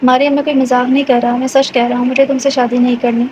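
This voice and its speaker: A woman's voice: high voice, level tone, darkish tone, natural voice. A woman voicing a young man who coldly breaks off his engagement, speaking curtly and harshly in a storybook reading. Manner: curt and harsh. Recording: dull lo-fi with faint hiss.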